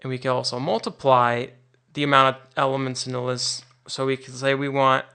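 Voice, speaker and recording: A man's voice: mid-range voice, level tone, fairly quick, pushed and bright, clean tone. A man teaching programming in an informal, think-aloud way, often restarting his sentences, over a screen-recorded coding tutorial. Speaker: programming instructor.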